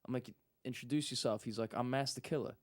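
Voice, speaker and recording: A man's voice: mid-range voice, fast talker. A young man telling a story in casual talk, acting out what people said. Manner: animated, acts out quotes. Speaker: guest.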